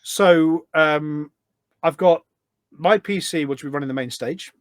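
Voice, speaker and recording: On the high side and a little slow, a middle-aged man's voice comes through with no echo. He is a volunteer event organiser guesting on a podcast, speaking casually and at length in a conversational interview and explaining things anecdotally.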